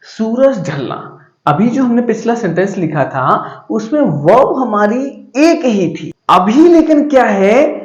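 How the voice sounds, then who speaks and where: Lively male grammar teacher. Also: high voice, reverberant, lo-fi sound. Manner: asks questions and answers them himself, slows down to dictate sentences. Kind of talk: classroom grammar lesson.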